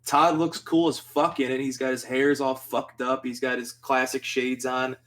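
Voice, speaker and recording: Young man chatting, excitable and profane. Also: medium pitch, moderate pace. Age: young adult. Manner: excitable, swears freely, rambling with many fillers. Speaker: podcast co-host. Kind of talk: casual chat.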